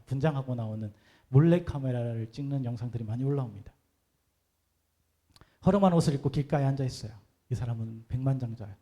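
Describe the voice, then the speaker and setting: A man's voice: mid-range voice, mellow. A man preaching a sermon as pastor, talking conversationally and putting rhetorical questions to the congregation.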